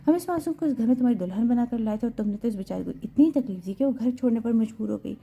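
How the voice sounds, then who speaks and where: A woman's voice: fairly high pitch, lively intonation, creaky, dark tone, breathy edge, lo-fi sound, full character voice. A woman voicing a stern older father who scolds his son in a reproachful manner.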